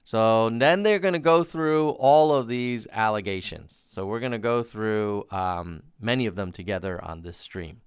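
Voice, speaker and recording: A man's voice: on the low side, unhurried, few pauses, clean tone, no room sound. A man giving live-stream political commentary, reading documents aloud in an emphatic, sarcastic, incredulous debunking manner, repeating key phrases.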